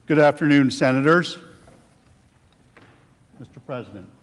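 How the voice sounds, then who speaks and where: A man's voice: fairly high pitch, fairly even intonation, a little slow. A man delivering a formal prepared argument as a lawyer, emphatic and accusatory. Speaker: defense lawyer. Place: large legislative chamber. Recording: echoey hall reverb.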